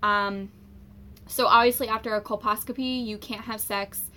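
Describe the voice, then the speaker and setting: Bright-voiced chatty young woman. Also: medium pitch, normal speed. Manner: chatty, many fillers, animated retelling. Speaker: vlogger. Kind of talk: casual personal storytelling.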